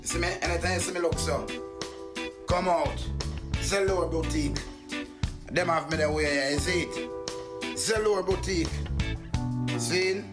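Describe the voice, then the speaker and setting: A man's voice: on the high side, fairly even intonation, unhurried, pauses often, pitched above the performer's own voice, natural voice. A man putting on a swaggering, slangy voice as a male clothing-boutique promoter in an ad promo. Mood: boastful. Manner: showy, slangy, bragging. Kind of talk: boastful ad promo. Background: loud guitar music.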